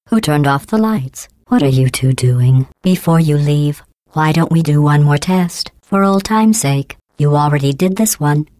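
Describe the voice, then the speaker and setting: A woman voices a cold, sarcastic female AI overseer for a video game, delivering lines in a deadpan, condescending, passive-aggressive manner. Her voice sits low, is robotically processed, and has no echo.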